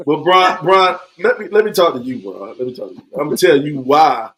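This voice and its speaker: A man in his forties hosting a podcast, chatting casually, animated and joking, repeating himself often. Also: fairly high pitch, a little fast, low-quality recording. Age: 40s. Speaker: podcast host.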